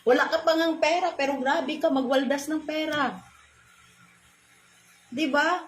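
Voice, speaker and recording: A woman from the Philippines delivering a motivational talk in a fairly high voice, preachy and emphatic, firing off rhetorical questions and dropping in English phrases. The room is echoey, with a faint hum of ambience behind her. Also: fairly even intonation, unhurried. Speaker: motivational speaker.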